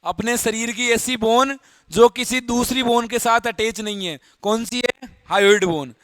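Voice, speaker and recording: A man's voice: very high voice, measured pace, fairly bright tone, dry recording. A man teaching a biology class in a Hindi lecture, explaining step by step, repeating key terms and asking students questions. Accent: Rajasthani Hindi.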